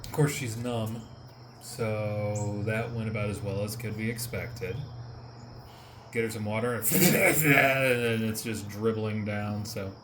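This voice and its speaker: A man's voice: lowish voice, slow, a bit bright. A man talking casually in an easygoing, lightly amused way, like someone recounting his day. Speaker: driver and caregiver telling the story. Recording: clear car and outdoor background noise.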